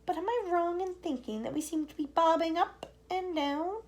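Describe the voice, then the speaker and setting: A woman doing a squeaky, timid ladybird. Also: moderate pace, a little mellow, a little hiss or hum. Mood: anxious. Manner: polite, anxious. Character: timid, polite female ladybird.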